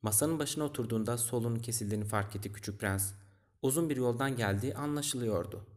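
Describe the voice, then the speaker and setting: A man narrating a children's storybook audiobook in a calm, steady reading voice. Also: mid-range voice, fast talker.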